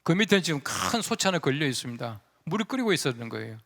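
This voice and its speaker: A man's voice: a little high, quick pace. Male pastor preaching in a reverberant sanctuary. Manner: conversational, animated storyteller who acts out quoted voices; leads the congregation in call-and-response. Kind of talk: storytelling sermon. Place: large church sanctuary.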